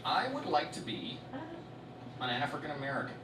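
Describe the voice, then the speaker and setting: A man doing a stand-up comedy set on a festival stage. He swears a lot and swings between loud outbursts and low muttered asides. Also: sing-song, moderate pace, heavy background noise. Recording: roomy hall, distant mic, loud audience.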